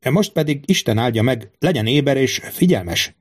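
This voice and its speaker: A man voicing Oliver, a secretive royal barber who gives orders in a soft, hushed voice. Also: medium pitch, animated, voice pushed up, lightly acted. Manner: speaks softly, commanding.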